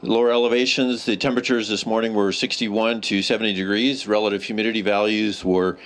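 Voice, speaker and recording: A man's voice: lowish voice, flat delivery, a little fast, a bit bright. An American man, a meteorologist, delivering a formal weather briefing full of figures. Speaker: incident meteorologist.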